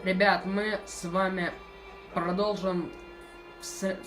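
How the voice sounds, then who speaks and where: A woman's voice: mid-range voice, level tone, takes it slowly. A woman giving casual commentary over a game as its host, amused and urging the action along. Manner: amused, repeats urgings and echoes game lines. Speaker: gameplay video host. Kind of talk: casual let's play commentary. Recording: echoey, distant mic with game music behind.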